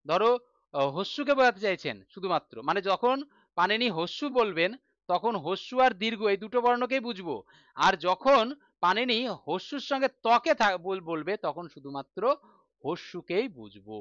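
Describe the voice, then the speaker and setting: A man's voice: sits high, animated, normal speed, a bit bright, no room sound, muffled recording. A man teaching a Sanskrit lesson in a Bengali accent, patiently asking questions and answering them himself. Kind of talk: online lesson explaining on a board.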